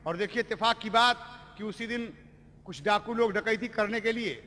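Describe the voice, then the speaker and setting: High bright Bhojpuri storyteller man. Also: normal speed, a little hiss or hum. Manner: declamatory, addresses audience as babuji. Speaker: Birha singer-storyteller. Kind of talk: dramatic Birha folk storytelling. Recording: echoey stage recording with music. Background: music.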